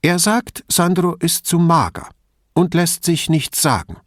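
A man's voice: on the high side, lively intonation, dry recording, clean studio sound, voice pushed up. Man voicing a worried, defensive woman professor. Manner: tense and quick to bristle.

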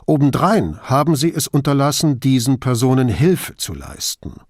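Male reader as firm, formal commissioner, lively delivery, dry sound. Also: mid-range voice, moderate pace, no room sound. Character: composed middle-aged male police commissioner.

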